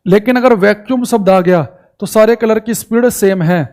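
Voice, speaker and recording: A male teacher giving a live online class, repeating key points slowly for students to write down and calling them brother. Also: sits high, a little mellow. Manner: scolding and exasperated about audio complaints.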